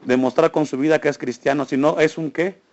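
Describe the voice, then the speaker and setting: High-voiced pastor preaching. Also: male voice, fairly even intonation, brisk, darkish tone, dull audio. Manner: asks the congregation questions, preaching with rising emphasis. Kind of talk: sermon. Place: church.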